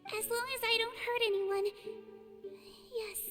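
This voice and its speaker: A woman voicing an earnest, determined young girl healer in a video game, with a small childlike voice and gentle, careful manner. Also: very high voice, flat delivery, unhurried, exaggerated voice. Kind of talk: video game story dialogue. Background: music.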